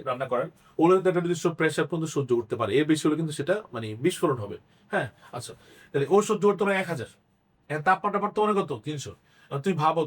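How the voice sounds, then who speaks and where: A man teaching chemistry in a Bangladeshi Bengali accent, asking the class questions and answering them himself. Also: fairly high pitch. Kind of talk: classroom lecture.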